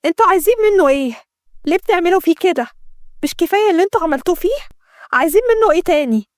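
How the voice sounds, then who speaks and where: A woman doing an emotional young wife, high-pitched. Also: lively intonation, very fast, mellow, no echo, studio quality. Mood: frightened. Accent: Egyptian Arabic. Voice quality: pleading, emotional. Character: young veiled wife, anxious and devoted.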